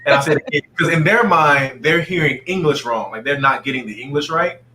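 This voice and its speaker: A man with a bright, forward voice talks as an interview guest, animated and quick to act out other people's lines. A faint hum sits in the background of the recording. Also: fairly high pitch, poor audio. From Saudi Arabia. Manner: animated storyteller, acts out quotes. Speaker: guest dancer. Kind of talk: casual interview talk.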